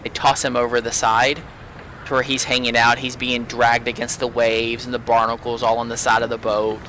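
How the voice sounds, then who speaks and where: A man's voice: mid-range voice, completely flat delivery, pushed and bright. A man narrating as game master in a tabletop pirate game, often restarting and repeating words. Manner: halting, repeats words while describing. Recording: noisy home recording.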